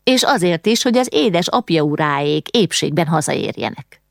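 A woman's voice: sits low, animated, gravelly, no echo, studio quality. A woman reading an audiobook, voicing a fussing, motherly old female cook who grumbles and scolds.

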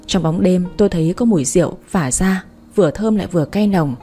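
A woman narrating a romance story in the first person, with an even storytelling delivery. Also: on the low side, fast talker. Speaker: story reader. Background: faint music.

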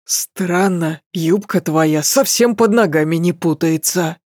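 Woman doing a teasing blunt young guy, gruff, slow, dry close sound. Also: fairly low pitch, darkish tone, no room sound. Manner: gruff, teasing, matter-of-fact.

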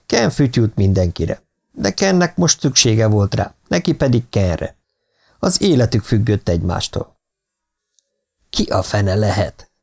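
A man narrating a thriller audiobook in a steady, even reading style. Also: on the low side, creaky. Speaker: audiobook reader.

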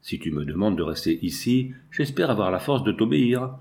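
A devoted young woman from a classic novel begs her parents with fervent, imploring words, as a man reads her in his own lowish voice. The tone stays earnest and heartfelt. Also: sing-song, brisk, creaky, a little mellow. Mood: pleading.

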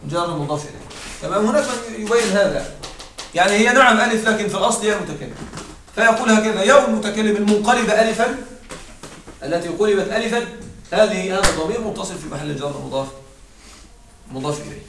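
A man teaching a grammar lesson, explaining step by step, slowing down to dictate parsing phrases and often checking that the class follows. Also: high voice, expressive, a bit bright. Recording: echoey room, distant mic, faint noise.

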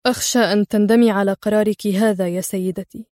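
A woman's voice: mid-range voice, steady tone, fast talker, dark tone, dry recording, natural voice. Woman doing a skeptical male inspector, dry manner, close dry recording. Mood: wary. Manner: dry, doubtful.

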